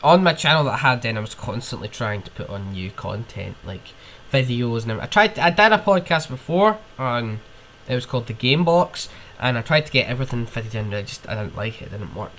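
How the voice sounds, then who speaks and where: A man's voice: medium pitch, lively intonation, a little fast, fairly bright tone, slight background noise. A young man with a cold, hosting a podcast on his own and ranting in rambling, casual chat, with sniffs and swearing. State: ill with a cold. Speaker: podcast host.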